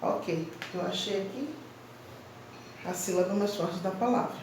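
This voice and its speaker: A woman teacher giving a slow, emphatic grammar lesson to children, stressing each syllable clearly. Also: mid-range voice, recorded from a distance, heavy background noise. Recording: very echoey room, voice from off-mic.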